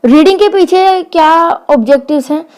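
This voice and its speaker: Mellow-voiced woman teaching a lecture. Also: high-pitched. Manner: explanatory, reads English phrases slowly then explains. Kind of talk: online lecture.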